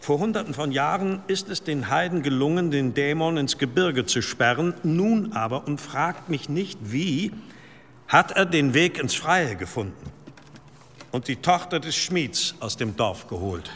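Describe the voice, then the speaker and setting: A solemn, deferential monk preaches of a demon in radio drama oratory, his male voice on the high side, fairly bright, unhurried, with lively intonation. His manner is formal and grave, unctuous toward superiors, and the mood solemn; a long church-like reverb and faint noise fill the recording.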